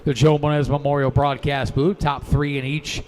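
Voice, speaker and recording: High-pitched man announcing live motorsport races. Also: little pitch movement, moderate pace, a little mellow. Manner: proclaiming track announcer delivery. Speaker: race announcer. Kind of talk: live motorsport race commentary. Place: broadcast booth at a racetrack. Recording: background noise at outdoor race.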